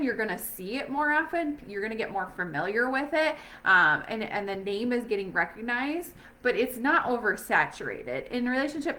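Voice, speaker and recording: A woman's voice: on the high side, bright, forceful tone. A woman talking casually and upbeat from home as a sales rep, with many fillers and restarts. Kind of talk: casual recruiting chat.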